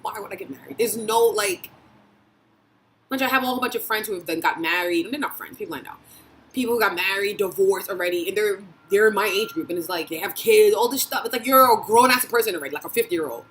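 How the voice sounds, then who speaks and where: A woman's voice: medium pitch, fast talker, a little hiss or hum, low-quality recording. A young woman from Brooklyn, giving a passionate, blunt vlog monologue with swearing and frequent laughs. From Brooklyn, New York. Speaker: vlogger and dating blogger. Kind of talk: casual opinion monologue.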